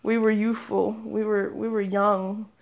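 A woman's voice: medium pitch, little pitch movement, unhurried, vocal fry, narrow, tinny audio. A woman in her thirties chatting casually as a vlogger, rambling and self-mocking and often breaking into laughter. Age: 30s. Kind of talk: casual chat.

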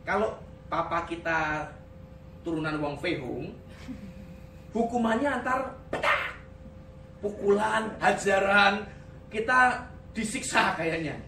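A male pastor preaching a sermon in a lively, joking way, slipping English phrases into his talk. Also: high-pitched, slow pace, long pauses. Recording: echoey hall, voice from far off, faint hum.

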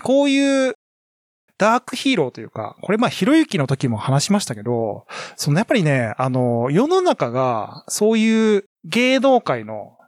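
A man's voice: on the high side, wildly swooping pitch, normal speed, dry recording, clean studio sound. A man co-hosting a casual podcast chat, rambling on with many fillers and restarts. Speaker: podcast co-host.

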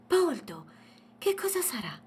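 A woman's voice: sits high, big pitch swings, measured pace, a little mellow, a little hiss or hum, voice pushed up. A woman voicing a curious, wide-eyed little girl in a children's storybook, amazed and full of questions.

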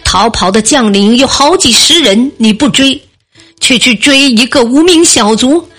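A proud, quick-tempered king of old who barks out his orders, voiced by a woman storyteller. The pace stays slow and the pitch mid-range, over soft music. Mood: angry. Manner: scolding and brusque. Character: hot-tempered, proud male king of an ancient court.

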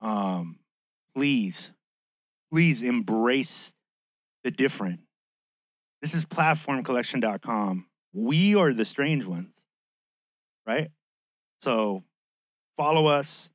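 A man's voice: medium pitch, expressive, takes it slowly, pauses often, dry recording, studio quality. A man with a lisp and whistling s sounds hosting a podcast in a casual, slangy, chatty monologue that swears freely. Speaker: podcast host.

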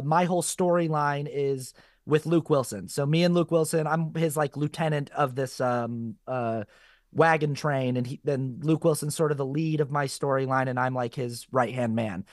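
Studio-quality audio with no room sound carries a man's fairly high voice at a moderate pace. A guest actor chatting casually on a podcast, he tells stories energetically and brings quoted people to life with lively voices.

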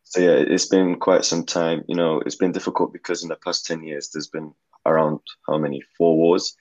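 A young man from Gaza, a student, a podcast guest, talking in a measured way and repeating words. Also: rumbling low, flat delivery, a little mellow, dry recording, lo-fi sound. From Gaza, Palestine. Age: young adult. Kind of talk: casual podcast interview.

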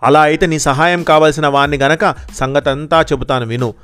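A man voicing a sly, confident male sorcerer in a children's storybook tale, speaking calmly and persuasively in a smooth voice. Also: fairly high pitch, normal speed, soft background music, lightly acted.

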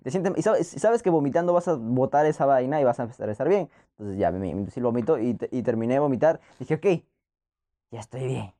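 Young male podcast host, casual laughing monologue, animated and warm. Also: mid-range voice, fast. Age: young adult. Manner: rambling, laughs often, many restarts.

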